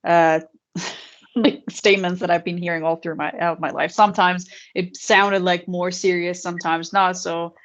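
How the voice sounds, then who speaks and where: A woman's voice: on the low side, steady tone, normal speed. Woman on dull lo-fi audio. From Iran. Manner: hesitant, frequent filler words. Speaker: guest. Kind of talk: casual political chat.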